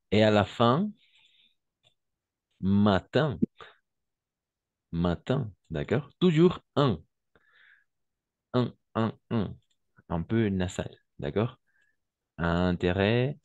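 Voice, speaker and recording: This French teacher for Spanish speakers has a fairly low, darkish voice with a sing-song quality. He explains patiently, moves into Spanish at times, and constantly asks "d'accord?", captured in a muffled recording without echo.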